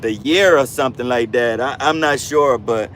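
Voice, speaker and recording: Casual trucker host in his fifties, mid-pitched, easygoing slang, light outdoor traffic noise behind him. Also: moderate pace, a bit bright. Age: 50s. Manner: laid-back slang-heavy talk, calls viewers bro and fam. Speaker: livestream host, truck driver. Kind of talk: casual livestream chat reading viewer comments.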